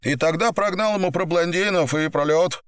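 A man's voice: sits high, moderate pace, smooth, no room sound, studio quality, pitched above the performer's own voice, natural voice. A man voicing a frightened young male thug who swears oaths and begs for mercy in an audiobook. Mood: hurried.

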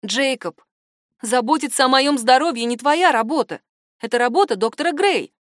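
A woman voicing a stubborn, sharp-tongued older woman who talks back defiantly in a raised voice. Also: high-pitched, lively intonation, moderate pace, no room sound, studio quality, pitched above the performer's own voice.

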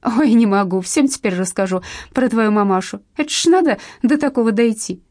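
A woman voicing a mocking young wife who jeers loudly. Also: a little high, expressive, a little fast, no echo, studio quality. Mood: jeering. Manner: loud, jeering.

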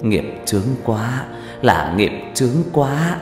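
A man voicing a spirit medium possessed by a stern dead grandfather, talking slow and heavy. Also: mid-range voice, sing-song. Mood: grave. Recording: reverberant room with faint music.

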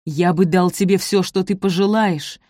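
A woman reading the part of an arrogant, angry young nobleman, loud and domineering. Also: on the low side, moderate pace, dry recording, studio quality, lightly acted.

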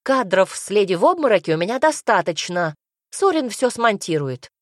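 Brief: pushy, excitable male gnome director, as a woman puts him on, barking commands, dry close sound. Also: medium pitch, normal speed, dry recording, lightly acted. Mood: frantic, pushy.

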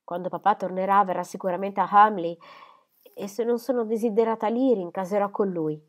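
A woman's voice: medium pitch, steady tone, brisk, natural voice. A woman reading aloud and voicing an anxious, determined young woman who speaks urgently. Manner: urgent, pleading.

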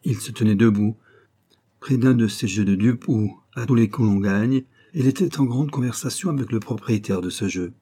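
A man reading a novel aloud as an audiobook narrator, in measured storytelling. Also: on the low side, dark tone, husky. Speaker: audiobook reader.

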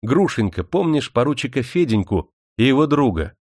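A man voicing a warm, decisive nobleman who speaks heartfelt and commanding. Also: medium pitch, sing-song, normal speed, no room sound, clean studio sound, pitched above the performer's own voice.

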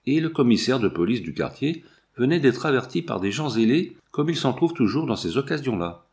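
A man narrating a classic novel in an even, measured storytelling voice. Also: mid-range voice. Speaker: audiobook narrator. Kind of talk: scripted narration.

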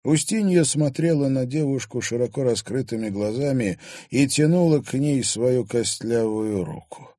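A man reads an audiobook in a measured, expressive voice. His intonation moves a lot, and the recording is close and dry. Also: mid-range voice, no room sound. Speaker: audiobook narrator. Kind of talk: scripted narration.

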